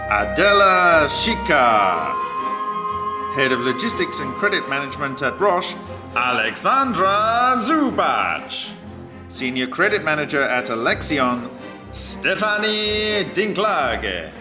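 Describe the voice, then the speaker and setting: A man announcing panel speakers at an event, stretching out each name. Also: on the high side. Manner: slow, stretched name calls. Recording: announcement over loud music.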